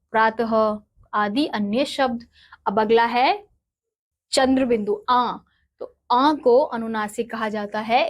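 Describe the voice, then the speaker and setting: Female teacher, unhurried and slightly high, patient explainer who spells letters out one at a time. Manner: patient, asks and answers her own questions. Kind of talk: explanatory grammar lesson.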